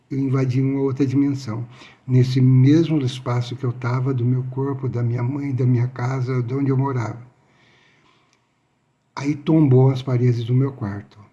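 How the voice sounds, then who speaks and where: A man from the São tells his story with a deep, mellow, very dark tone. He pauses often, restarts sentences and circles back on the same phrases as he tells it. His pitch sits right in the ordinary middle. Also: dull audio. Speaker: near-death experience witness. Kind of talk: personal testimony storytelling.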